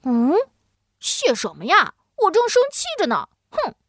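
A woman's voice: sits high, lively intonation, normal speed, fairly bright tone, no echo, clean studio sound, pitched above the performer's own voice. Woman doing a huffy little piglet boy. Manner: whiny, huffy, pouting. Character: grumpy little boy piglet, sulky and pouting.

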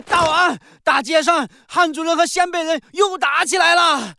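Shrill, panicked court messenger. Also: normal speed, gravelly, sharp tone, slight background noise, full character voice. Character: panicked court messenger minister crying alarm. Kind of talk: children's audio storytelling.

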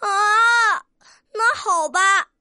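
Woman doing a squeaky excited little rooster. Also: drawn-out words, no room sound, clean studio sound, exaggerated voice. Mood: tearful. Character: eager little male rooster chick, proud.

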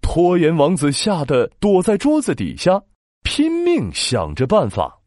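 A man narrating a children's story in a dramatic, expressive storytelling manner. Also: fairly high pitch, unhurried, no room sound, clean studio sound. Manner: dramatic, expressive, with sound-word emphasis.

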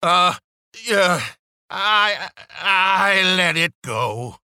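A woman's voice: fairly low pitch, lively intonation, drawn-out words, sharp tone, no room sound, studio quality, full character voice. Woman playing a stammering timid old fisherman. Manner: stammering, hesitant. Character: meek, timid old male fisherman, poor and kind. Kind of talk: children's audio storybook acting.

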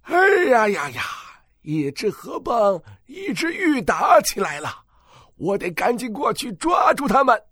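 A woman's voice: on the high side, sing-song, measured pace, fairly bright tone, slightly rough, dry recording, studio quality, voice pushed down, heavily acted. A woman voicing a jolly old fisherman in a children's story, exclaiming in delight. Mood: gleeful.

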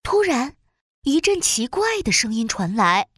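A woman narrator reading a scripted children's story in an animated storytelling style. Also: fairly high pitch, unhurried, slightly rough, no room sound, studio quality.

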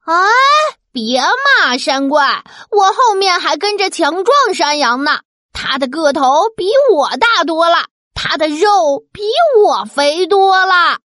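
A woman's voice: extremely high pitch, lively intonation, slow, fairly bright tone, no room sound, clean studio sound, voice pushed up, heavily acted. A woman voicing a clever, cheerful middle goat in a storybook reading, chirpy and coaxing.

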